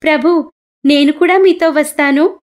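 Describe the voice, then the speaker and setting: Woman voicing Parvati, high-pitched earnest goddess. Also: measured pace, a little mellow. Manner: pleading, indignant.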